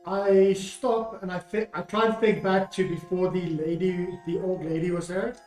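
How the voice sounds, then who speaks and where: High-voiced man, thinking aloud, echoey room. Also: level tone, moderate pace, a little mellow. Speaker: player in a tabletop game. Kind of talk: casual in-game chat. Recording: echoey room, faint music behind.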